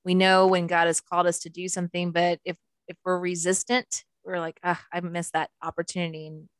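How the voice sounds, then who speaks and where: A woman hosting an interview, warmly affirming her guest with frequent soft agreement. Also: lowish voice, little pitch movement, a little fast, clean tone, no room sound, clean studio sound. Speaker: host.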